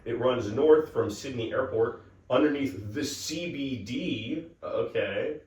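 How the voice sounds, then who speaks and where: A man's voice: mid-range voice, slow pace, darkish tone. Rambling man in a roomy room. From Pittsburgh, Pennsylvania. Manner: rambling, reads articles aloud with asides and swearing. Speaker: podcast co-host. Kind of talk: casual comedic chat. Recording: roomy, distant mic.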